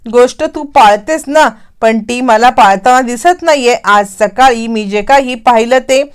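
A woman's voice: fairly high pitch, moderate pace, smooth, close to an everyday voice. A woman reading the lines of Saroj, a stern, suspicious mother-in-law in a serial recap. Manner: scolding, suspicious.

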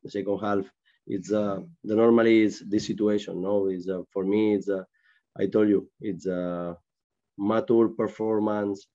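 A man in his forties fields post-match questions on a video call from a press room, his English halting and searching. His voice sits low and flat, with a dark, mellow tone. The sound is muffled and dull. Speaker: football manager. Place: press room with sponsor board.

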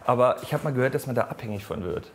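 A man's voice: mid-range voice, lively intonation, racing, background noise. A man in his forties hosting a casual chat backstage, chatty and teasing, laughing easily. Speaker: host. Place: backstage dressing room in a studio.

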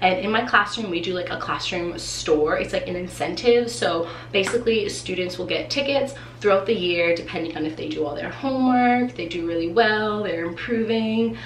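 This teacher and vlogger from New England, in her thirties, talks at a mid-range pitch and normal speed with hardly any pauses. Allergies leave her voice congested and nasal as she excitedly narrates an unboxing, full of "like" fillers. She's seated before a camera in a small indoor room with echo and faint hiss.

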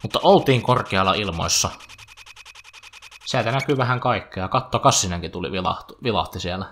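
A man's voice: fairly low pitch, animated, a bit bright, slight background noise. A man giving chatty, joking let's play commentary over a video game, with playful asides. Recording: faint game music behind.

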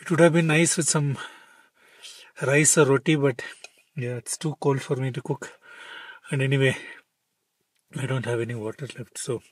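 A man's voice: medium pitch, fairly even intonation, moderate pace, pauses often, husky, dry recording. A man in his thirties vlogging casually from inside a parked car in the snowy cold, talking to a close camera while cooking. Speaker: travel vlogger. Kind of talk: casual vlog narration.

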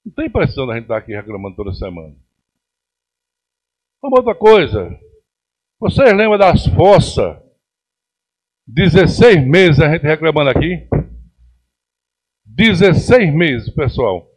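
A man's voice: fairly high pitch, sing-song, a little slow, long pauses, husky, rough recording. A middle-aged man with a Pernambuco accent giving an emphatic, indignant plenary speech as a city councillor at a podium microphone in a council chamber. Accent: Pernambuco Brazilian Portuguese. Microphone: podium microphone on stand.

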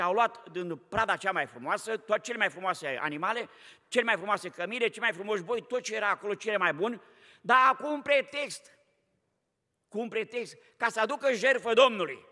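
Fervent man preaching, in a reverberant hall. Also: sits high. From Romania. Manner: fervent, shifts between loud exhortation and hushed tones. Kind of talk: sermon. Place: church.

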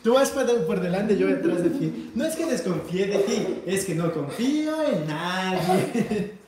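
A man's voice: high-pitched, lively intonation, a little slow. A father, hosting a casual family livestream, playful and teasing with his kids. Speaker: father and vlog host. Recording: echoey room with clear noise.

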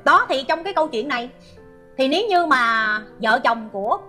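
A woman's voice: high-pitched, expressive, normal speed, sharp tone, soft background music. A middle-aged woman hosting an online commentary show, reading out viewer comments and scolding a hater with sarcasm.

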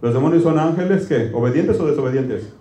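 A pastor delivers a chatty, folksy sermon and keeps quizzing his listeners. His voice sits a little high yet sounds mellow and warm. The room around him is echoey. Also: brisk. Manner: folksy, quizzes the congregation with questions. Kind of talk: conversational sermon.

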